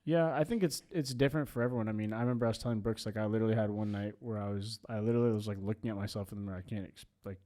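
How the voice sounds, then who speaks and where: Here is a young man in his late twenties talking fast in a casual podcast chat, his voice sitting low. He rambles and restarts, leaning on "like" every few words. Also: steady tone, dark tone. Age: 20s.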